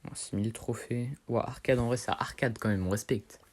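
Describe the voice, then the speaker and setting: A man's voice: mid-range voice, fairly even intonation, fairly quick, a little hiss or hum. A teenage boy chatting casually over his gameplay, rambling in slang and correcting himself as he goes. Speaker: gaming streamer.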